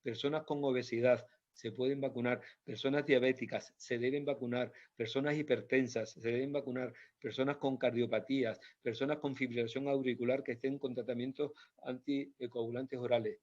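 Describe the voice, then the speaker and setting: A man speaks as a doctor giving an informal health talk, walking through slides with patient explanations. He repeats key points and hesitates often. His mid-pitched voice comes through a dull, lo-fi recording. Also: steady tone, a little fast, hardly any pauses, a little mellow. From Spain. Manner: explanatory, repetitive, many hesitations. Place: Canary Islands. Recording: dull lo-fi sound.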